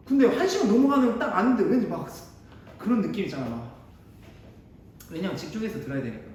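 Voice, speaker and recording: A man teaches a math class in a chatty, rambling way, joking with his students as he goes. His voice sits high and swings widely in pitch. The sound comes from a mic well away from him in a strongly echoing room with faint noise. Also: animated, fast talker, darkish tone, recorded from a distance. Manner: chatty, digressive, bantering with students in casual speech. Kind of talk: casual classroom lecture.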